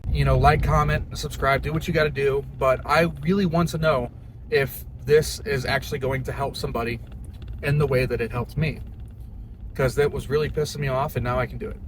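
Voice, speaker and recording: A man's voice: medium pitch, fairly even intonation, a little fast. A young man giving a casual, plain-spoken how-to talk in an informal way, like a hobbyist teaching a skill. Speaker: hobby duck caller giving a tutorial. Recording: noisy, with car and ambient noise.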